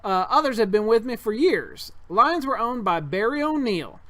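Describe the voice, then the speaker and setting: A man's voice: high-pitched, big pitch swings, slow, bright, forceful tone, pitched above the performer's own voice, full character voice. A man reading a board game aloud, voicing a boastful middle-aged male circus owner in a folksy, bragging put-on accent.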